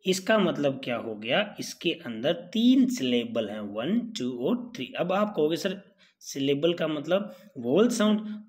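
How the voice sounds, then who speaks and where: Male teacher quizzing his students. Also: mid-range voice. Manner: animated, repeats rhetorical questions and answers them. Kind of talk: exam-prep lecture.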